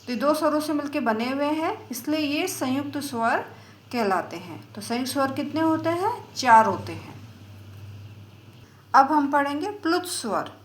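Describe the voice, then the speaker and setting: A woman teaching a lesson, explaining step by step in a slow, patient way and drawing out example sounds. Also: high voice, sing-song, roomy sound, a little hiss or hum. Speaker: Sanskrit teacher.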